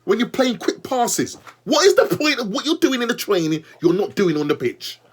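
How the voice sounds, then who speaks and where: A young man reviewing a football match as a fan, exasperated and animated, repeating himself and talking straight to the manager. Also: very high-pitched, moderate pace, breathy edge. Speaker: football fan channel host.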